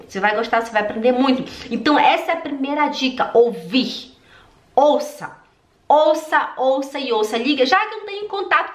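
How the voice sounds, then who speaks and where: Emphatic woman teaching, echoey room. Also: sits high. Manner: emphatic, repeats drill words slowly for contrast. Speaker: German teacher. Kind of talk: casual video lesson.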